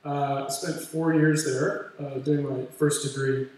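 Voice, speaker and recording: Speaking slowly and hesitantly with little pitch movement, this Canadian man in his late thirties or early forties shares a personal story in a casual, self-deprecating commencement address. His voice is mid-range and somewhat dark, and the big crowded hall makes the distant recording very echoey, with a faint background noise.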